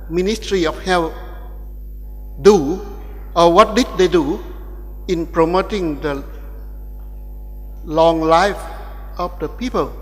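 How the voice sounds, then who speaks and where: Thai guy giving a keynote, kinda high voice, lots of restarts, echoey big hall. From Thailand. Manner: halting, with many restarts and fillers. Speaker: guest lecturer. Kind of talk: academic keynote speech. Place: large ceremonial hall.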